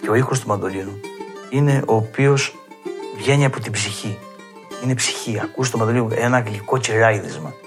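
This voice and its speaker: A man with a Cretan accent, a mandolin player telling stories from his past and acting out old conversations in a lively way. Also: fairly low pitch, music in the background. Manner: lively storyteller who acts out past dialogue. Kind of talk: reminiscing storytelling.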